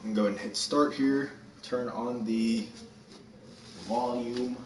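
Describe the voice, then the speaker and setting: A man from Texas hosting a live stream of a basketball video game, out of breath and talking in a casual, rushed way. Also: mid-range voice, steady tone. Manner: casual, rushed, chatty, upbeat. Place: room at home. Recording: roomy echo, distant mic, faint background hum.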